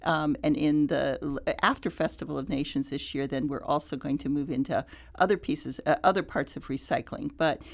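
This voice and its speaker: A woman with a low voice speaks as a guest on a radio program. She is thoughtful and halting, circling back to restart her sentences. The studio sound is clean. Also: fairly even intonation, gravelly. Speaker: nonprofit CEO, guest. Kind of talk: radio interview.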